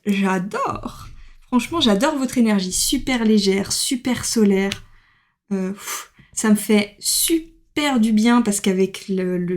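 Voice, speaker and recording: A woman's voice: fairly high pitch, darkish tone. Chatty woman reading tarot. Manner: chatty, laughing, many fillers. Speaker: tarot card reader. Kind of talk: casual tarot reading to camera.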